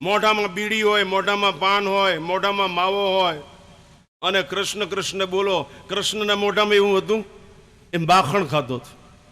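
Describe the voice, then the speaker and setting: An older man preaching a fiery sermon, emphatic and at times shouting. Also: sits high, steady tone, moderate pace, clear, resonant tone.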